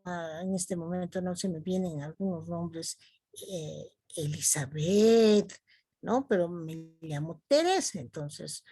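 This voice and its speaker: A woman from Bolivia with a Bolivian Spanish accent, teaching punctuation in a recorded video class, explaining slowly with many "¿no?" tags and fillers. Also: fairly low pitch, darkish tone, breathy edge, no room sound.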